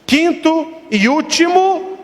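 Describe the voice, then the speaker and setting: A priest preaches in a high, lively voice, firing rhetorical questions and repeating his points for emphasis. His pitch leaps around as he talks. A long reverb trails behind him. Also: slow. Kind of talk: sermon.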